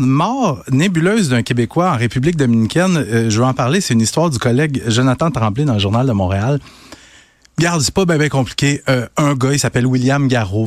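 Animated Quebecois man telling crime news. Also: mid-range voice, fairly quick, no room sound. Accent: Quebec French. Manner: animated, chatty storytelling. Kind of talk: radio chat, recounting a news story.

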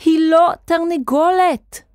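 A woman's voice: a little high, no echo, studio quality, natural voice. A woman narrator voicing an anxious young boy apprentice who pleads and grows frantic in a children's audiobook. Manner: pleading, rising to frantic shouts.

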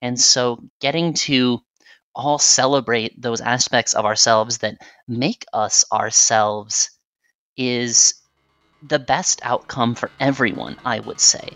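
A woman's voice: a bass voice, fairly even intonation, slow, a bit bright, no room sound, low-quality recording. A young adult woman giving earnest, reflective interview answers.

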